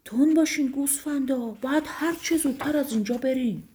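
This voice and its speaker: A woman voicing a panicked male shepherd who cries out urgently in a high, strained voice, in a told bedtime story. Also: mellow, close to an everyday voice.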